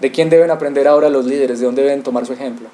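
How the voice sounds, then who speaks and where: A man's voice: mid-range voice, steady tone, racing, dark tone. A male pastor preaching an expository sermon, asking rhetorical questions and addressing the congregation directly.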